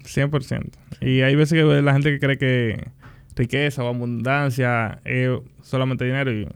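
A young man, a podcast guest, telling his story in a relaxed, animated and joking way. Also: mid-range voice, a little slow, smooth. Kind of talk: casual interview conversation.

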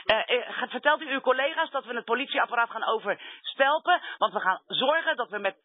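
A woman's voice: on the high side, lively intonation, a little fast, slightly rough. A woman arguing insistently and confrontationally as an activist caller making a heated complaint over a landline phone. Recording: roomy, tinny telephone line.

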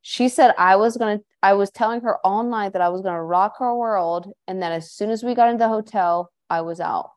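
A woman's voice: mid-range voice, fairly quick, hardly any pauses. A woman co-hosting a casual podcast, chatting and reading listener stories aloud with her own asides. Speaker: podcast co-host.

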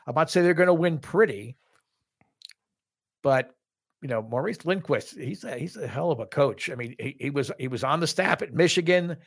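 A man's voice: a little high, animated, moderate pace. A middle-aged man co-hosting a college sports podcast, talking casually and with enthusiasm, often restarting his sentences. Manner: enthusiastic, repeats words and restarts. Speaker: podcast co-host.

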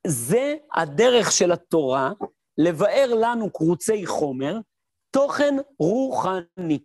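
High-voiced rabbi telling a lively story. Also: male voice, no room sound, clean studio sound. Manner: lively storyteller who mimics sounds and voices; asks rhetorical questions and answers them. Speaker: rabbi teaching a class. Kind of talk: Torah lesson with storytelling.

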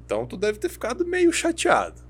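A man's voice: sits high, huge pitch swings, brisk, background noise. A man hosting an interview, answering with short acknowledgments and asking probing follow-up questions. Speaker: podcast host. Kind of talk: interview conversation.

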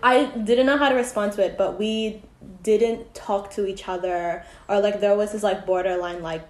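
A woman's voice: medium pitch, steady tone, normal speed. A young woman hosting a podcast, telling a story in casual chat with many "like" fillers. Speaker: podcast host. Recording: roomy echo.

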